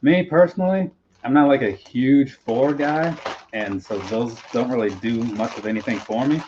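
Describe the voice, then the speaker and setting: A man's voice: medium pitch, normal speed. A man chatting casually on a live stream as he unpacks his purchases, rambling and talking to himself. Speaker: collector vlogger. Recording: slightly dull lo-fi audio with faint noise. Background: faint pop punk playlist.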